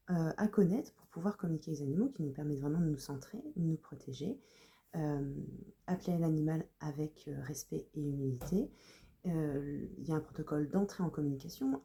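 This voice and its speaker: A woman with a low, gravelly voice and a very dark, mellow tone talks viewers through her work as an animal communicator. She speaks at an easy, unhurried pace, with plenty of pauses and verbal fillers. The delivery is informal and explanatory. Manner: unhurried, loose talk full of "voilà" and hesitations.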